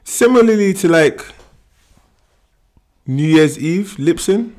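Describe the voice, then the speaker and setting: A man's voice: a little high, animated, takes it slowly, a little mellow. A young man with a London roadman accent co-hosting a podcast, bantering casually in emphatic street slang. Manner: slangy urban British street talk with emphatic repeats. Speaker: podcast co-host.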